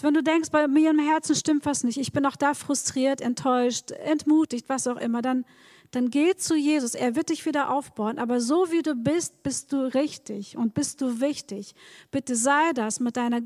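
A woman's voice: high-pitched, normal speed, a little mellow, no echo, clean studio sound, big-room sound. A woman preaching a sermon, speaking straight to her congregation with encouraging words and frequent repetitions. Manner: encouraging, addresses the congregation directly, repeats words.

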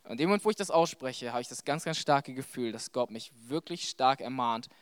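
A young adult man giving a conversational sermon to a church audience, animated and full of fillers. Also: mid-range voice, fairly quick, clear, resonant tone, no room sound. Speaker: preacher.

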